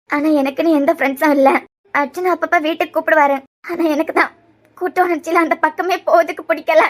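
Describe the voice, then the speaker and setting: A woman's voice: high-pitched, close to an everyday voice. A woman voicing a remorseful, lonely young woman in a cartoon, with a Kanyakumari Tamil accent and a pleading, confessional way of talking.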